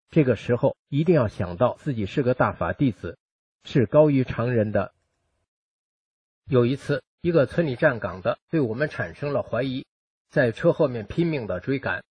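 A man reading a first-person account aloud in a steady, even narrating manner. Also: mid-range voice, husky, no room sound, highs cut off. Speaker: reader of a personal testimony.

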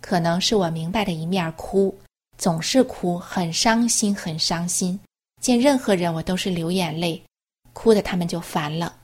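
A woman reading a first-person testimony aloud in an earnest, steady, plain storytelling manner. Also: on the low side, normal speed, slightly rough.

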